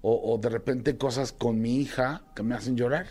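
A man with a Mexican Spanish accent, chatting as a talk show guest, animated, imitating his kids and telling silly jokes. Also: medium pitch, moderate pace, husky. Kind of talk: casual chat.

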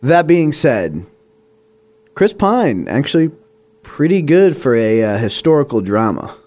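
A man's voice: mid-range voice, very animated, a little slow, a little mellow. A man co-hosting a podcast chats casually about a film. He hesitates and restarts his sentences, and adds dry, wry remarks. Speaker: podcast co-host. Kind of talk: casual movie review chat.

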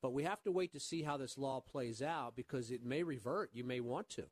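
A man's voice: medium pitch, a little fast, no room sound. A man hosting a call-in radio show and giving financial advice, earnest, often repeating words as he starts a sentence.

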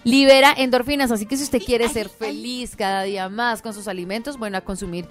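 A woman with a Colombian accent co-hosting a casual radio show, explaining health tips in a lively, quick way. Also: fairly high pitch, soft background music.

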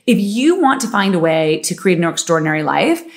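A woman's voice: on the low side, big pitch swings, fairly quick. A middle-aged woman who founded a company, hosting a motivational podcast monologue, emphatic and full of filler words, laughing easily.

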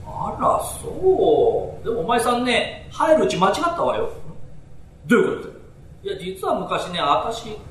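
A man's voice: high voice, wildly swooping pitch, measured pace, far from the mic, full character voice. Man doing a shrewd, teasing kept woman. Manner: soft, knowing, coaxing talk in a raised voice. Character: shrewd, cool-headed middle-aged kept woman, teasing. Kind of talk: rakugo storytelling. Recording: roomy hall with faint noise.

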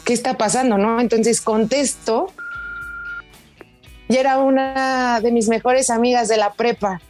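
A Mexican woman in her twenties, a footballer answering interview questions in an animated, casual way with many fillers. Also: on the high side, takes it slowly, soft background music. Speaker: professional footballer, interview guest.

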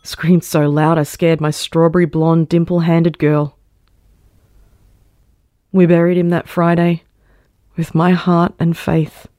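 A woman's voice: fairly low pitch, flat delivery, takes it slowly, pauses often, mellow, no room sound. Dry, close woman narrator. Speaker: story narrator. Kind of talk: scripted first-person narration.

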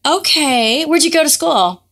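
A middle-aged woman hosting a podcast in loose, excitable casual chat, quick to laugh. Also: sits high. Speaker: podcast host.

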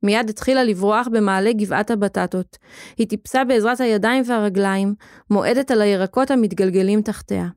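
Lady reading a kids story out loud, expressive, dry close mic. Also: medium pitch, no echo. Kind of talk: scripted narration of a children's story.

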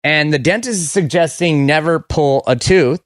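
A man's voice: fairly high pitch, normal speed, dry recording, studio quality. A man hosting a radio show, chatting casually with callers. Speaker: radio host. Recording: music playing behind voice.

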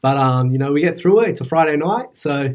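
A man, talking in a relaxed, easygoing way as a podcast guest in an office. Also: on the high side, quick pace. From Iraq, raised in western Sydney. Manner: relaxed, easygoing, some restarts. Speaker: guest bodybuilder and engineer. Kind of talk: casual interview.

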